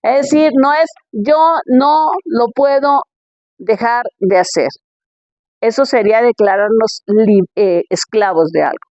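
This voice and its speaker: High-voiced woman preaching. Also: a little slow, darkish tone, no room sound. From Colombia. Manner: reads Bible verses, checks in with "¿ok?".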